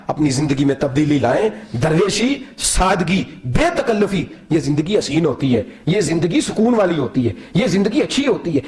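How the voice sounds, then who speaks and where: A man giving an emotional sermon, telling stories dramatically and acting out the people in them, rising to near-shouts at the peaks. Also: fairly high pitch. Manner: dramatic, acts out quoted voices, rises to near-shouting peaks. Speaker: preacher. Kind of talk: emotional Urdu sermon with storytelling.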